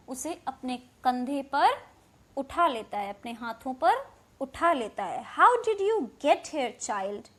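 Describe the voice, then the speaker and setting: A woman English teacher with an Indian accent, reading a story line by line in English and then explaining each line in Hindi. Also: high-pitched.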